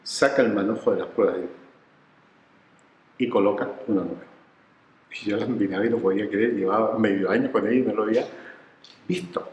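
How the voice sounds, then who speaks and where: A man's voice: lowish voice, fairly quick, long pauses, roomy sound, big-room sound, muffled recording, slight background noise. A man, telling his research stories in an interview and acting out the people he quotes. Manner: animated storyteller who acts out quoted voices. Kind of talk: reflective storytelling interview.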